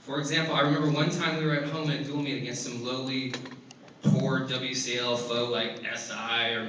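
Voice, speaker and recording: A man's voice: on the high side, pushed and bright, a little hiss or hum. A man, a former teammate, telling funny stories in a hall of fame speech and chuckling often as he goes. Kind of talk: humorous speech with anecdotes. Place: large hall at an induction event. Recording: echoey hall, voice from far off.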